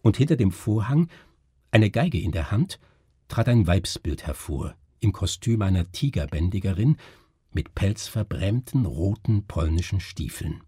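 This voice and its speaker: A man narrates a literary tale in slow, measured sentences. His low voice is husky and breathy, with lively melody. The sound is close and dry. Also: no room sound. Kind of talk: literary audiobook reading.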